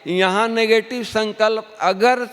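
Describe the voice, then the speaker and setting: A man giving a spiritual discourse as a teacher, often asking the listeners questions and repeating his points with pauses. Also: high-pitched, fairly even intonation, fairly bright tone, clean tone. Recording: long hall reverb.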